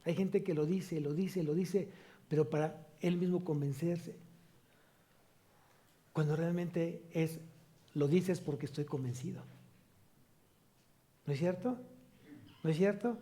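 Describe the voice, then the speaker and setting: A man's voice: fairly high pitch, slow, pauses often, dark tone. A man with a Mexican Spanish accent preaching a sermon as pastor, asking the congregation rhetorical questions and rising to emphatic peaks.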